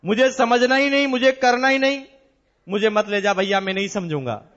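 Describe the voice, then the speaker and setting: A man's voice: high-pitched, normal speed, a bit bright, dull audio. A man mimicking a stubborn, reluctant man who pleads not to be taken along. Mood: whiny refusal.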